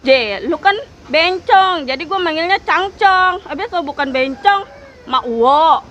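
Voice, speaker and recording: Teasing, stingy housewife played by a woman, high bright voice, Jakarta Betawi accent, comedy skit. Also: unhurried, a little hiss or hum. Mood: teasing, blunt. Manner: blunt, teasing.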